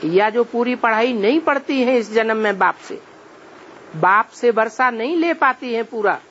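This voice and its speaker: A man giving a religious discourse, explaining slowly and asking rhetorical questions of his listeners. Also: extremely high pitch, a bit bright, dull audio, slight background noise. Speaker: spiritual teacher.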